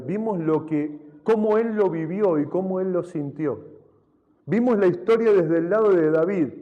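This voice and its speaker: Pastor preaching in a reverberant hall. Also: male voice, sits high, highs cut off. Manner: storytelling preacher, rises for quoted speech, drops soft for scripture. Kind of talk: sermon. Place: church hall.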